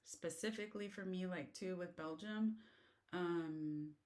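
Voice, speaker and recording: Her voice is on the low side and a little mellow, with a measured pace, as this woman from the United States chats to the camera from her car. She rambles through advice about living abroad, using plenty of fillers.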